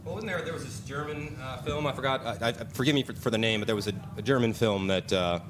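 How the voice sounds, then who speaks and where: A man's voice: medium pitch, fast. A man in the band, a guest, telling stories in a rambling way and laughing as he goes. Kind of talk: casual chat. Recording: noticeable background noise.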